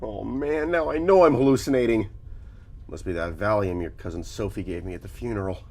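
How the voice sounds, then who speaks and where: An actor playing a bewildered, sarcastic office slacker in a comedy drama. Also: male voice, fairly low pitch, a little fast, darkish tone. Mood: rattled. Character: bewildered, sarcastic slacker office worker, grieving his friend. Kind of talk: comedic audio-drama dialogue.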